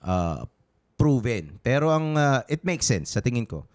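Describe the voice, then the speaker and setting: A man's voice: medium pitch, very animated, a little slow. A man with a Filipino accent co-hosting a podcast, talking casually in a rambling, hesitant way with many fillers and restarts, switching between Tagalog and English. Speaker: podcast co-host. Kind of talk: casual chat.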